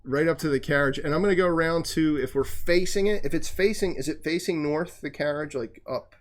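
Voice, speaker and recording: A man's voice: a little high, fairly quick. Man player thinking aloud over a call. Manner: thinks aloud while planning moves. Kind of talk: casual tabletop game play.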